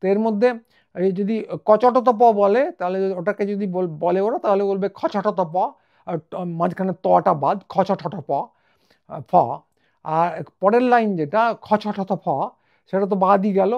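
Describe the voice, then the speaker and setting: A man with a high-pitched, gravelly voice delivers a wry, mocking commentary. He sounds out individual letters one by one as he goes. The recording is dull and lo-fi. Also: measured pace. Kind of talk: monologue commentary.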